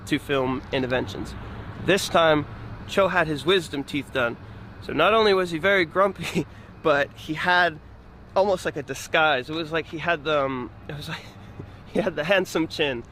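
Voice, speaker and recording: A man vlogging, telling a story in a casual, animated way, laughing often and shouting out the lines he quotes. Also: a little hiss or hum. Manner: animated, laughs often, jumps high when quoting friends.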